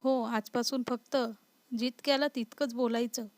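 A woman's voice: a little high, steady tone, moderate pace, a little mellow, no room sound, close to an everyday voice. A woman voicing a sulky, touchy young wife. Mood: indignant. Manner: indignant, sulky.

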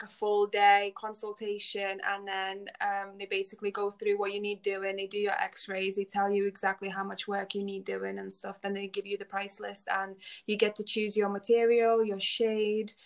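A woman's voice: mid-range voice, completely flat delivery, normal speed, hardly any pauses. A woman in her twenties, originally from Lithuania, whose English carries a semi-Scouse twang, chatting casually as an interview guest and filling her speech with "like". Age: 20s. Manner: chatty, laughs often, peppered with "like". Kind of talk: casual chat.

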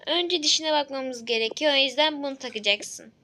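A woman's voice: sits high, moderate pace, pushed and bright, a little hiss or hum. A woman voicing a curt, impatient dentist. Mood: matter-of-fact. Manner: curt, bossy, sighing. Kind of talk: toy role-play voicing.

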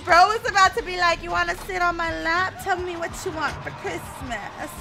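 Over background music, an American woman in her twenties speaks in an extremely high, unhurried voice. Chatty and laughing often, she reads her stream viewers' messages aloud while playing.

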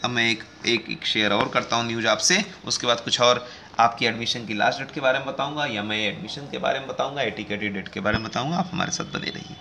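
A man talks to his viewers in a relaxed, explanatory way, calling them friends. His voice sits at a middle pitch with a bright, forward edge. A faint hiss of background noise runs under the recording. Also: fast talker, vocal fry. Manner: conversational, addresses viewers as friends, reads out news excerpts. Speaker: education news video host. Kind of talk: casual explanatory talk to viewers.

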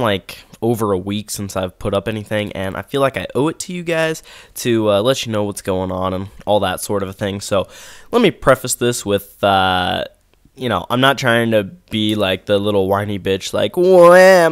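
Congested teenage guy, low and clear. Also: a bit bright, dry recording, clean studio sound. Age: teens. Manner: subdued, rambling, many fillers. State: sore throat and congested. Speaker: gaming video creator. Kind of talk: casual talk to camera over gameplay.

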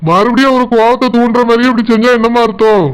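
A man's voice: very high voice, level tone, fast, smooth, rough recording. A man voicing a worried, lecturing older brother from a village in a cartoon, with a Tirunelveli Tamil accent. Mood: reproachful. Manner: reproachful, lecturing.

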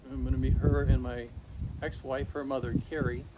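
A middle-aged man talking casually and haltingly to camera outdoors, shivering in ice-cold water, pausing often mid-thought. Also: medium pitch, little pitch movement. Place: backyard, outdoors, in an ice bath. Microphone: camera a few metres away. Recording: noisy outdoor recording, ambient hum.

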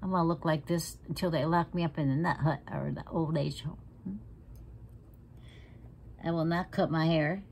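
A gravelly, low, darkish voice belongs to a makeup vlogger in her 60s, who talks at a moderate pace with fairly even intonation and long pauses. Doing her makeup at home in the living room, right in front of the camera, she's frank and feisty and sometimes half-whispers; slight background noise is present.

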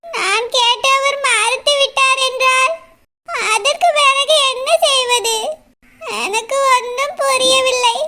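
A woman voicing a tearful young woman in a cartoon, torn over an arranged marriage, in a very high, thin voice. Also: steady tone, takes it slowly, sharp tone, heavily acted. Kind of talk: cartoon voice acting.

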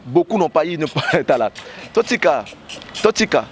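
This man's slightly high voice is sing-song at a moderate pace, with slight background noise. In his thirties, with a Congolese French accent and a cold, he's an interview guest out on a street by parked cars, speaking passionately and emphatically into the interviewer's fur-windscreened handheld mic, gesturing and dropping plenty of "bah" fillers.

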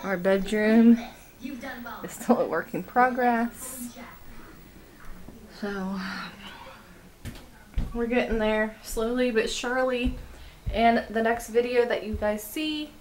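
A young mother filming a casual family vlog on a handheld camera, speaking slowly in a slightly high voice. She chats easily to the camera, her kids and her pet. The recording carries clear background noise from a car and the room. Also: fairly even intonation. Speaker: family vlogger.

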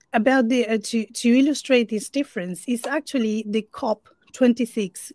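A woman's voice: medium pitch, a little mellow, dry recording. A woman from Argentina whose first language is Spanish, speaking English as an interpreter giving an earnest conference talk over a video call, with fillers and restarts.

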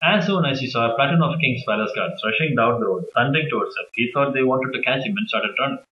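A man reading a children's story aloud in a halting, uneven way. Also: mid-range voice, reverberant, highs cut off. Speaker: storybook reader.

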